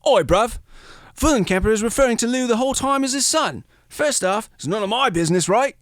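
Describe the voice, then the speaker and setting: Man doing a brash British businessman, cockney-style bluster, loud and rambling, higher voice. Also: expressive, normal speed, no room sound.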